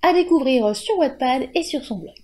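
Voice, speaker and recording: High-pitched woman reading book news. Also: normal speed. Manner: lively, playful, with teasing whispered asides. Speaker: host of a monthly book news show. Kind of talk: scripted news-style reading with playful asides.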